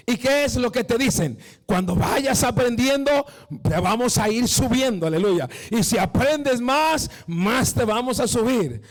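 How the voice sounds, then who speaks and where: A man preaching a sermon as a pastor. He keeps asking "¿verdad?", calls the crowd "mi hermano" and builds up to shouting. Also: very high voice. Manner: emphatic, peppered with "¿verdad?" and "mi hermano".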